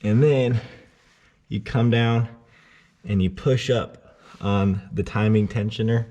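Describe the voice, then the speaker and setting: This car repair vlogger speaks slowly in a voice on the low side, casually explaining step by step how to time a car engine while he works on it in a garage. He keeps it relaxed and talks directly to viewers in this how-to tutorial. The high frequencies are cut off.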